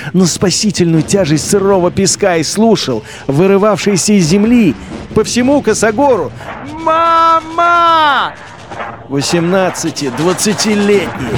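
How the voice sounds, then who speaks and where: Narrating a radio drama, a man adopts an intense, brooding literary style, swinging widely between low murmurs and sharp lifts.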